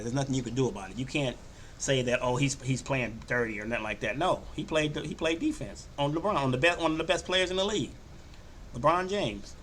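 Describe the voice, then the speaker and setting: An older man hosting a sports podcast, talking casually and loosely, often slipping into animated quoted voices. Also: medium pitch, slight background noise. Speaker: podcast host. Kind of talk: casual sports talk monologue.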